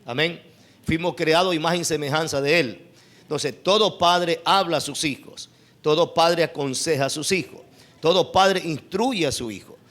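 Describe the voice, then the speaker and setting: A man's voice: fairly high pitch, a bit bright. A man from Ecuador preaching a sermon, repeating phrases and asking the congregation rhetorical questions.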